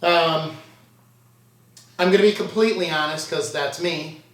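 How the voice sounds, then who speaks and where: A man working as a contest prep coach answers viewer questions in a candid, conversational way, poking fun at himself. His voice sits a little high. He talks from some distance off the mic in a roomy, echoing space. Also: unhurried, fairly bright tone. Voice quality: candid, conversational, self-deprecating. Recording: roomy sound from away from the mic.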